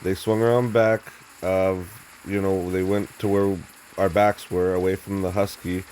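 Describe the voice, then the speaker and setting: A man's voice: sits low, flat delivery, a little slow, darkish tone, a little hiss or hum. A young man telling a story in a rambling, blunt and profane monologue, full of restarts and fillers. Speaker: vlogger.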